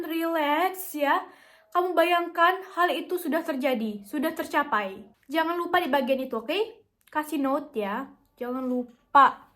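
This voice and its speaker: Young female vlogger with a high voice, giving a motivational talk in a coaxing, repetitive way. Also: a bit bright. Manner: coaxing, chatty, repeats herself for emphasis. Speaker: self-help vlogger.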